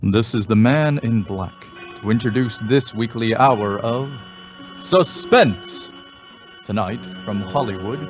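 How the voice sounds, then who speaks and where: A man's voice: lowish voice, natural voice. A man playing an ominous, formal host who introduces a 1940s-style radio suspense show with portentous narration. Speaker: announcer and host. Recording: dull lo-fi audio with music.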